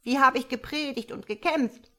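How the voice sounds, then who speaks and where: A woman voicing a fussy old mother frog who scolds loudly and croaks "quack" between words. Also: high voice, normal speed, pitched above the performer's own voice. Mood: aggrieved.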